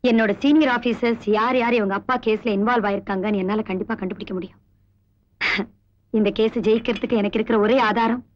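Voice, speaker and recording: An actress playing a police officer in a film, talking in a firm, impatient way. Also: female voice, fairly high pitch, natural voice. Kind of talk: film dialogue. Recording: dull lo-fi film audio with music.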